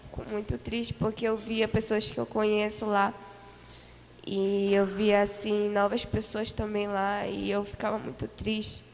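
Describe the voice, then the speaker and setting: A woman's voice: medium pitch, creaky, darkish tone, big-room sound, slight background noise. A Brazilian woman giving an earnest church testimony, telling her story with many fillers and repetitions. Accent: Brazilian Portuguese. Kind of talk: spoken testimony of a vision. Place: church hall.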